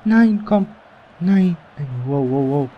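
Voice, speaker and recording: Here a high-voiced man does let's play commentary on a football video game, eager and fast to swear or groan at mistakes. The sound is lo-fi with slight background noise, picked up by a slightly overdriven headset or desk mic.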